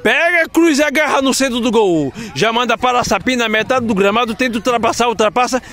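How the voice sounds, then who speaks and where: High-voiced man calling amateur football. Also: animated. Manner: rapid play-by-play, shouted goal calls. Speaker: amateur match commentator and interviewer. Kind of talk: live football commentary. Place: outdoor floodlit football pitch at night. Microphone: handheld phone camera.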